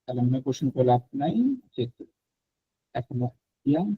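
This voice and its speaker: A man's voice: medium pitch, brisk, husky, dry recording, phone-quality sound. A man from Bangladesh teaching a French class online, explaining patiently and mixing in English phrases.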